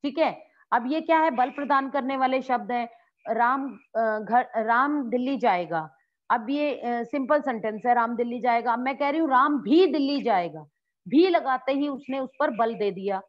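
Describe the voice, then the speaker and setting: Animated Hindi teacher, slightly high voice. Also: female voice, moderate pace, muffled recording. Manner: acts out example exclamations with lively swings in tone; asks and answers her own questions. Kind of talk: classroom grammar lesson.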